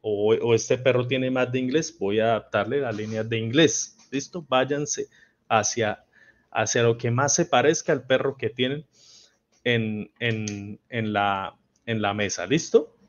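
A man's voice: mid-range voice, measured pace, dull audio. A man with a Colombian accent teaching a live online dog grooming class, quizzing viewers and reading out their answers. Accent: Colombian Spanish.

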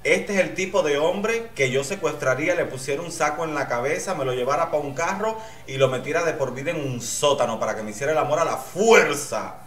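A man's voice: fairly high pitch, lively intonation, fairly quick, few pauses, fairly bright tone. Drag vlogger, male, campy gushing reactions, recorded from a distance in a reverberant room. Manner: flamboyant, gushing, bawdy, with shrieking outbursts. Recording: echoey room, mic at a distance, faint music.

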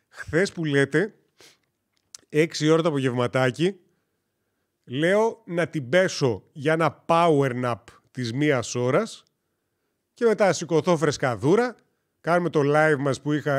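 A man from Greece chatting casually on a gaming live stream, rambling and joking as he tells stories and corrects himself. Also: a little high.

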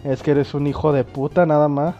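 Dude yelling and cursing at a game, kinda high voice, music playing underneath. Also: male voice, a little fast, muffled recording. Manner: loud, excitable, swears a lot, yelps. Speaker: gamer playing on video. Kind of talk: game let's play commentary.

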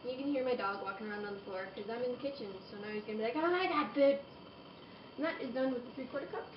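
A woman's voice: on the high side, fast. Chatty young woman cooking, far from the mic. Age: young adult. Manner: chatty, self-narrating while working, playful asides. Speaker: home cooking vlogger. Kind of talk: casual cooking demonstration. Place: home kitchen, indoors. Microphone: camera across the room. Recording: roomy, distant, dull home video audio with background hiss.

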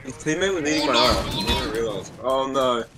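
A man's voice: mid-range voice, brisk. A young man teasing and swearing with friends during a game. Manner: crude, teasing. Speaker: gaming friend. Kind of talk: casual gaming chat. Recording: noisy voice chat.

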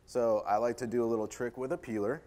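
Fast and dark-toned, the mid-range voice of this chef keeps fairly even intonation. During his live cooking demo keynote on a conference stage, he's joking, chatty, self-deprecating and playful with the audience.

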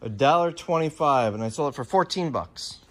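With a fairly high pitch and an animated, moderately paced delivery, a man in his thirties does a casual reseller vlog. He rambles and thinks aloud into his phone at arm's length, indoors in a large warehouse and storage room.

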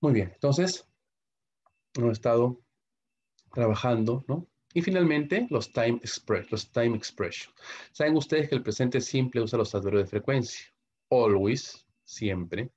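A man's voice: medium pitch, a little slow, a little mellow, muffled recording, a little hiss or hum. A man with a Peruvian Spanish accent teaching English grammar in Spanish. He tags nearly every phrase with "¿ok?" or "¿no?", spells letters out and translates each example. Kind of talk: online grammar lecture in Spanish.

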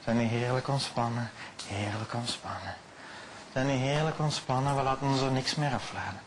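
Male stage hypnotist, soothing repetitive patter, noisy studio sound. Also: mid-range voice. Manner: slow soothing repetitive suggestions, often hushed.

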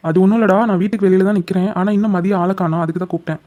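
A man's voice: high voice, steady tone, racing, warm tone, natural voice. A man voicing a pushy young lover. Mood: puzzled. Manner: insistent, coaxing. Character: young man pleading with the girl he loves. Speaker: cartoon character. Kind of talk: cartoon voice acting.

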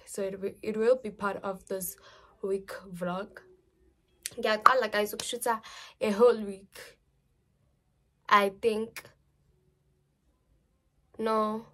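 A woman's voice: medium pitch, fairly even intonation, takes it slowly, long pauses, sharp tone. A young woman from South Africa with a South African accent, chatting casually to camera in her bedroom and switching between English and Zulu. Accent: South African, mixing in Zulu. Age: young adult. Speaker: vlogger. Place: small bedroom.

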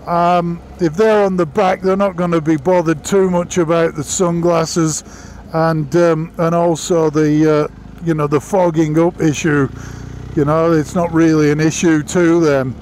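A man's voice: high-pitched, darkish tone, slight background noise. A man speaking inside a helmet, giving a frank, plainspoken verdict in a casual product review. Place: outdoors by a motorcycle.

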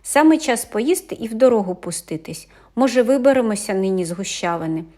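Shifty young middle brother from a fairy tale, dodges questions, lively tune, read by a woman. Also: a little high, fairly quick. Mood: evasive. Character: young man, middle brother on night watch.

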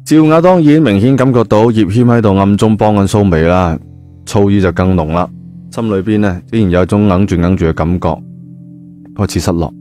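Warm in tone and fairly low in pitch, this man speaks fairly quickly as he narrates a novel. He uses a Cantonese accent and a chatty storytelling style heavy on spoken particles, with background music behind him.

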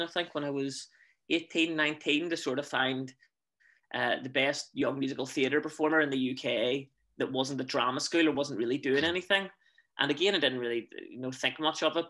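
A man in his thirties from Northern Ireland, speaking with a Northern Irish accent in a mid-range, sharp-toned voice. He's a stage actor and singer appearing as a guest in a casual interview, telling stories full of fillers over a webcam video call from a small room at home.

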